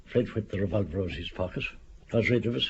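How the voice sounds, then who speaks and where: A man's voice: fairly low pitch, fast talker, background noise. An older man recounting a wartime anecdote in an oral history, in a dull archive radio recording.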